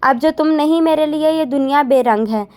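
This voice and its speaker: A woman's voice: high voice, moderate pace, a little mellow, lightly acted. A woman voicing a lovesick young male cousin who earnestly pleads for love in a read-aloud story. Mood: pleading. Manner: earnest, imploring.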